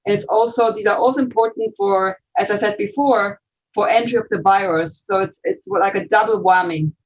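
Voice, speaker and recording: A woman's voice: mid-range voice, steady tone, moderate pace, slight background noise. A woman from Switzerland, a research scientist, explaining her work fluently over a video call from her office. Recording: dull lo-fi video call audio.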